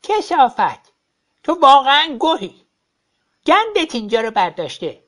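Here is a drunk, spiteful old woman hurling insults from her bar stool. Her voice sits high and jumps all over the place. She spits out each line in a slurred, shrill rant. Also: very animated, fairly bright tone. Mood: drunk furious. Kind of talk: audiobook story reading.

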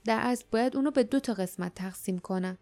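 A woman voicing a big burly grown man who speaks loudly and bluntly. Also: a little high, soft background music, natural voice. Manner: loud, blunt.

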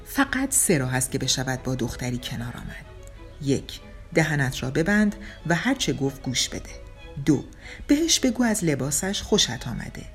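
A woman's voice: a bass voice, sing-song, soft background music. A woman voicing a frank, dry middle-aged woman giving blunt advice, in an audiobook reading. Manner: frank, dry, matter-of-fact.

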